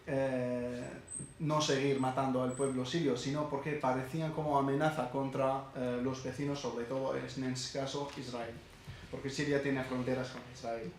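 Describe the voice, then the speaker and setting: A middle-aged Syrian man whose first language is Arabic gives a personal testimony at a university event, halting with many hesitations, pauses and restarts. His ordinary-pitched voice stays level, echoing heavily in a lecture hall over faint noise.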